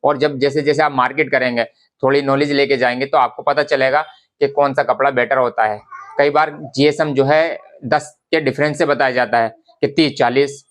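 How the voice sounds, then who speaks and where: A man's voice: mid-range voice, steady tone, moderate pace. A man, casually explaining fabric quality to viewers and repeating his points. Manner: conversational, repetitive, addresses viewers as brothers. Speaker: garment business vlogger. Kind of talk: casual instructional talk to camera.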